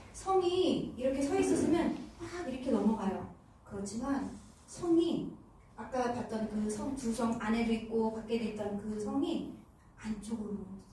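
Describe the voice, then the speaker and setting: High-voiced woman telling children a Bible story. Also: slight background noise. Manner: animated, asks the children questions. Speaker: children's Sunday school teacher. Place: church hall. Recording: echoey room from far off.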